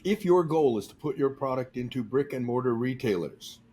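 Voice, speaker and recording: Animated male podcast host. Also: mid-range voice, normal speed, slightly rough. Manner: animated, joking, explanatory. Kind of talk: casual podcast chat.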